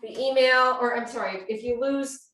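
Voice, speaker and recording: This woman's voice is somewhat high and a bit bright, with fairly even intonation and normal speed. She's at home hosting an online cooking class over video call, talking in a chatty, exclamatory, casual way. The recording sounds roomy, as though the mic is distant.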